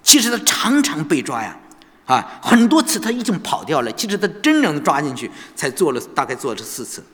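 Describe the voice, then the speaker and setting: A man's voice: a little high, huge pitch swings, fairly quick. A man preaching a sermon, telling a story and constantly asking his listeners rhetorical questions. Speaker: pastor. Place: church sanctuary. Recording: long church reverb.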